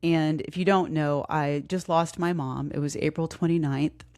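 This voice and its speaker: Low-voiced woman podcast host, grieving, close to tears, candid and rambling. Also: steady tone, normal speed, a little mellow. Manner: candid, emotional, many fillers and restarts. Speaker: podcast host and fitness coach. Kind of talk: casual heartfelt podcast talk.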